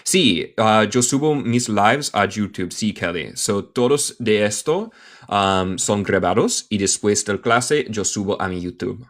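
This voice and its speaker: American guy from michigan teaching english in spanish, super slow, kinda low voice, chill. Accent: American English speaker talking Spanish. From Michigan, USA. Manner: slow deliberate read-aloud; relaxed, answers viewer questions. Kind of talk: live online English lesson.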